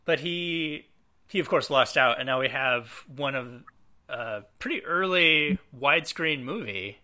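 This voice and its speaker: Brief: male podcast co-host, very bright tone, loose chatty delivery with fillers. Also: mid-range voice, measured pace. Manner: relaxed, lots of fillers, acts out quotes. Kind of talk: casual film discussion.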